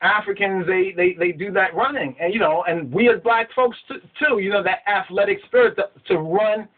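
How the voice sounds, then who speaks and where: Animated man preaching over tinny webcam audio. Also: sits high, moderate pace. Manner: animated, gesturing, repeats words while searching. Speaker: religious teacher. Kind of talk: scripture teaching to webcam. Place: small indoor room with whiteboard. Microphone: webcam at desk.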